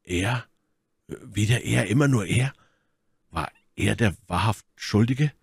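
An earnest young puritan officer, as a male reader puts him on speaks low and hushed, stammering as he goes. The voice sits deep. The recording is close and dry, with no room around it. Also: expressive, slow pace, creaky, husky, no echo, heavily acted. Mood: troubled.

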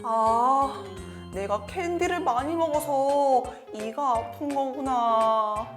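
A woman teaching English to children in a playful lesson, acting out being sick and saying English phrases slowly for kids to repeat. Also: high voice, over music. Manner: slow, carefully enunciated English phrases for repeating.

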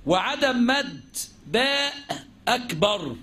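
Taking it slowly, a man with a very high, very animated and sharp voice teaches Islamic jurisprudence with an Egyptian Arabic accent. In this religious lesson he raises questions and answers them himself, alternating formal classical phrasing with colloquial speech.

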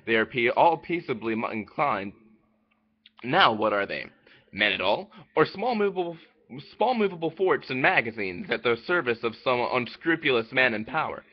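Expressive and mid-range at normal speed, a vlogger in his twenties is heard in lo-fi sound. Reading an old essay aloud under a speech jammer in a small room by a window indoors, he keeps stumbling, repeating words and breaking off mid-word to restart.

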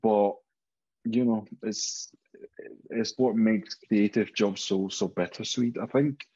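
A Spanish-accented man in his thirties, guesting on a video call from an indoor room at home, speaks candidly and swears without restraint in a casual interview chat. His voice is on the low side, dark and a bit rough, with a steady tone and slow pace, and the highs are cut off.

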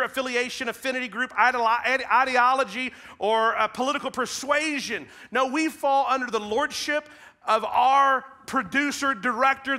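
A man in his thirties with a Midwestern American accent, preaching a sermon from a church stage, swinging between loud emphatic calls and hushed, near-whispered lines. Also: very high voice. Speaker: pastor. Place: large church stage with blue-lit backdrop.

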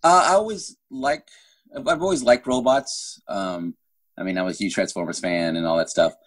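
This guest novelist is a middle-aged man whose voice sits low and moves at normal speed. Chatting casually from a room in his home, he rambles and keeps cutting himself off to restart sentences. He joins by video call on a phone at arm's length, with no room sound.

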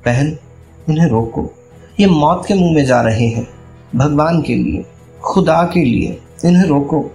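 A man's voice: a little high, measured pace, mellow, natural voice. A man voicing an anxious, devoted young sister who pleads urgently, in an echoey room with faint music. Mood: pleading.

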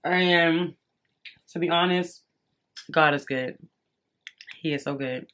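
In her bedroom at home, a young woman chats to the camera in a low, slow voice with a fairly bright tone. A bit congested, she keeps eating as she talks and addresses her audience as "y'all."

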